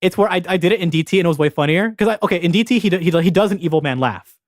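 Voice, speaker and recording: A young man co-hosting a podcast, chatting excitedly about a video game, swearing freely. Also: high-pitched, dry recording, studio quality. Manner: excitable, swearing, fast and animated. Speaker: podcast co-host. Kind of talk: casual gaming chat.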